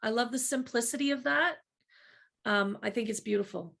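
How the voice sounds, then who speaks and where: Female host, high-pitched, affirming, rephrases as she talks, video call. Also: moderate pace, vocal fry, fairly bright tone. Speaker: podcast host. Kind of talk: interview conversation.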